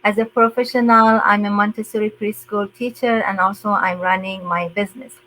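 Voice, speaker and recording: An older woman hosts a live online interview. She speaks slowly and haltingly, with lots of fillers, over a faint background hum. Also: mid-range voice, steady tone, sharp tone, rough recording. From USA resident. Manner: slow, hesitant with many fillers. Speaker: host.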